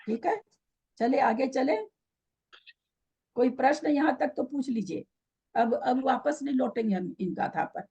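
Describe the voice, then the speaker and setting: A woman's voice: high voice, lively intonation, measured pace, pauses often, warm tone, husky, lo-fi sound. A woman teaching a scripture class online, questioning her students and patiently explaining by repeating the key terms.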